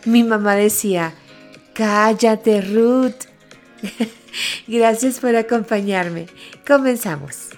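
Podcast host: woman, unhurried, reflective storytelling, soft music under her. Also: mid-range voice. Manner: reflective, gently humorous. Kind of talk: personal storytelling monologue. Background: faint background music.

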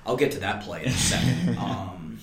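A man's voice: on the low side, moderate pace, reverberant, faint music behind. A young man co-hosting a student sports podcast, chatting casually and animatedly about a college basketball game, laughing often. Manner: animated, laughs often, breaks into shouting imitations.

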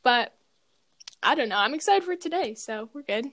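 High-voiced young woman, voice wearing thin. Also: expressive, normal speed, a bit bright. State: losing her voice. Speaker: podcast co-host. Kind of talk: casual chat. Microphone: recording remotely.

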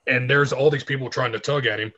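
A middle-aged man, a fitness writer guest, telling animated stories in a casual interview. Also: mid-range voice, quick pace, husky, dull audio. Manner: animated anecdote teller, acts out quotes.

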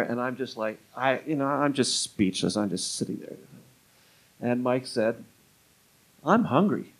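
An older man being interviewed, telling stories in a rambling, conversational way and slipping into quoted dialogue. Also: mid-range voice. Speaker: interview guest, retired music club booker. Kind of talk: anecdotal storytelling in an interview.

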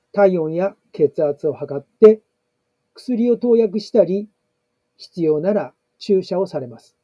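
A man reading a family blog story aloud, in a slow, measured way with pauses. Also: high-pitched, no echo, dull audio. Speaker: narrator.

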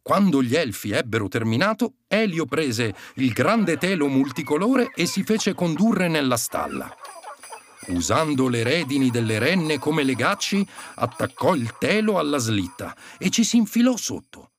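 A man narrating a children's story in an animated, expressive way on a close mic. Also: fairly high pitch, unhurried, a little hiss or hum.

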